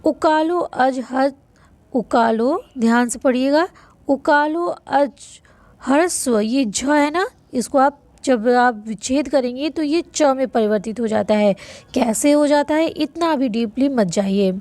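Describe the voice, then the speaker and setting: A woman's voice: high voice, unhurried, darkish tone, no room sound. A woman teaching a Sanskrit grammar lesson, patiently repeating rules and answering her own questions. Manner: stretches vowel sounds to demonstrate length. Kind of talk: online lesson explaining notes.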